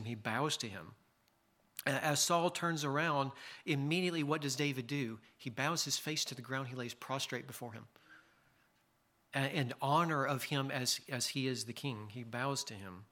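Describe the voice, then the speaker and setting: Bright-voiced male preacher. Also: medium pitch. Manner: emphatic preaching, rising loud and dropping quiet. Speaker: pastor. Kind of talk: sermon.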